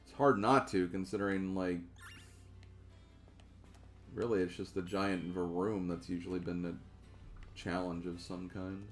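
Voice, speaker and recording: A man's voice: low-pitched, steady tone, unhurried, pauses often, soft background music. A young man streaming a game, chatting casually in a loose, rambling way full of fillers. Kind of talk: casual gameplay chat.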